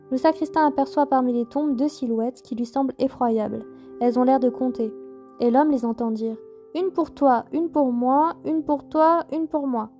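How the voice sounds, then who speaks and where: A woman narrating a short traditional folk tale in a lively, clear storytelling manner. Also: a little high.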